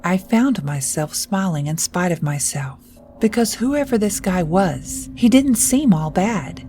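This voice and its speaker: Woman narrating a horror story, mellow and low. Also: animated, unhurried, soft background music. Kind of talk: scripted first-person horror narration.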